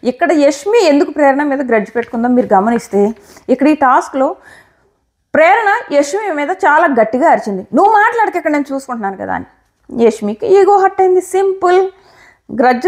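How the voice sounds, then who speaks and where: Woman, high voice, opinionated show recap, animated delivery. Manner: animated, opinionated retelling with quoted lines. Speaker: reality show reviewer. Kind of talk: casual commentary.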